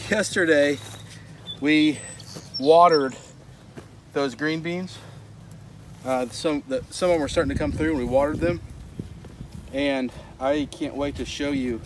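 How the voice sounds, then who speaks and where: A man's voice: mid-range voice, a little slow, pauses often, a little hiss or hum. A man vlogging casually outside in his garden, slightly out of breath and chatty with lots of fillers. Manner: chatty, excited, loose with fillers. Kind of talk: casual chat. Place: outdoors in a rural garden.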